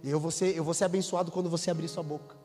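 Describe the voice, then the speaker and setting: A man's voice: fairly high pitch, fairly even intonation, racing, dark tone, in a large hall, faint music behind. A man preaching a sermon as pastor in a church, acting out quoted dialogue and building to bursts of intensity.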